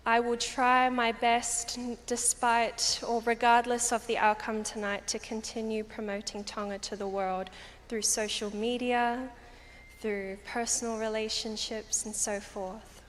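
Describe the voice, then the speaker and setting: A young woman giving a deliberate, emphatic pageant answer on stage. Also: on the high side, little pitch movement, fairly bright tone. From Australia. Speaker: pageant contestant. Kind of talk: prepared public answer on stage. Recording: long hall reverb, background noise.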